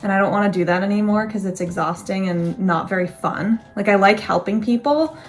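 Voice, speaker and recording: A woman's voice: mid-range voice, a little fast, faint music behind. A young woman in casual chat, thinking aloud in a reflective, rambling way with restarts. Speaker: co-host.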